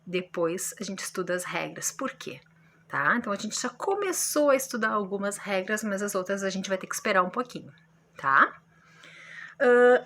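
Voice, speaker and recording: A woman's voice: mid-range voice, sharp tone, slight background noise. A Brazilian woman teaching a grammar lesson to schoolchildren, speaking in a friendly way with exaggerated intonation and often checking in with "tá?". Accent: Brazilian Portuguese.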